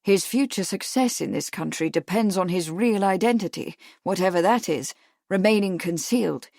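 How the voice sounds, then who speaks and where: A woman narrator voicing a grim, steady Victorian gentleman who speaks calmly and gravely. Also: mid-range voice, moderate pace, no echo, clean studio sound. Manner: calm, grave.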